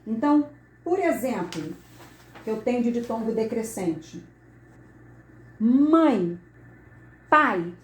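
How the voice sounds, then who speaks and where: A woman teaching a Portuguese grammar lesson, explaining slowly and deliberately and repeating the key words. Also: fairly high pitch, sing-song, dark tone. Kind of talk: classroom lesson at a board. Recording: echoey room.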